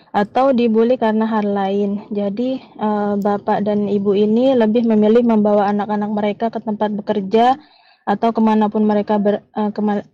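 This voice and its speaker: A woman's voice: mid-range voice, dark tone, muffled recording. A woman politely asking a preacher a question she has prepared.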